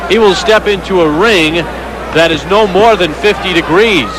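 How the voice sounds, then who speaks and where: A man calling live boxing as the play-by-play commentator from a loud arena. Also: high voice, moderate pace. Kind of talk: live sports broadcast commentary. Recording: loud crowd and arena noise.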